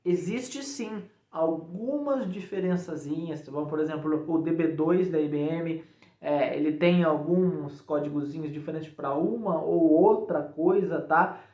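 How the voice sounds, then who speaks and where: This coding YouTuber has a fairly high, mellow voice and takes his time. He talks in a relaxed, informal way with a Brazilian accent, often checking on viewers with little tags, and his room sounds echoey and untreated.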